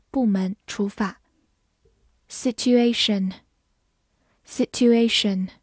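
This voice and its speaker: A woman reading a vocabulary list slowly, saying each word twice before its meanings. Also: on the high side, dark tone, dry recording, clean studio sound. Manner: slow, deliberate, repeats each word twice. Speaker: vocabulary reader. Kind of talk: slow word-list drill.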